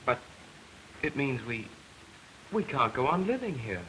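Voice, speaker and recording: An actor playing an earnest, affectionate young composer, newly married and anxious, in an early talkie film. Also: male voice, mid-range voice, big pitch swings, measured pace, a bit bright. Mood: worried. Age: young adult. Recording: scratchy 1920s film soundtrack.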